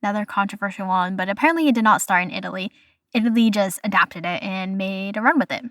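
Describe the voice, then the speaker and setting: A woman's voice: medium pitch, fast talker, a bit bright, no echo, clean studio sound. A young woman from the United States hosting a casual solo podcast, chatty and stumbling over foreign words. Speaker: podcast host. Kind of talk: casual solo podcast, listing food facts.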